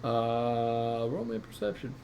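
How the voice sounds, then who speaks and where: Man, game master, halting narration, lots of fillers, mid-pitched voice, faint noise behind. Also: very animated, vocal fry, darkish tone.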